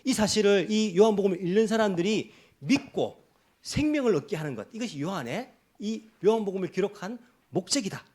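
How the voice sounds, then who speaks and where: Male pastor, sermon, high voice, animated delivery, rhetorical questions. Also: fairly quick. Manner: emphatic, rhetorical questions to the congregation, acts out prayers and quotes.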